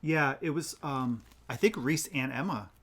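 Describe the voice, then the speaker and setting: A man's voice: mid-range voice, measured pace, slight background noise. A man co-hosting a casual knitting podcast, bantering and playfully indignant with his co-host. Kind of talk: casual chat about yarn.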